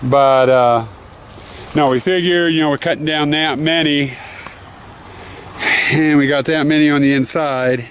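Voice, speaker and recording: A man's voice: fairly high pitch, fairly even intonation, unhurried, long pauses, slight background noise. Chatty man vlogging outdoors. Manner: chatty, laughs at own jokes. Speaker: vlog host. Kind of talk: casual vlog narration. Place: outdoors in a cornfield.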